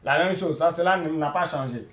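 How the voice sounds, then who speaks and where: A man's voice: a little high, brisk, echoey room. A man teaching a beginner Arabic lesson, patient, repeating each word many times and checking in with listeners.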